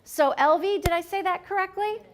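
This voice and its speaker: A woman leading a customer service training session, lively and acting out short role-play lines for her trainees. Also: extremely high pitch, a little fast, slight background noise. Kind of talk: staff training talk with role-play examples.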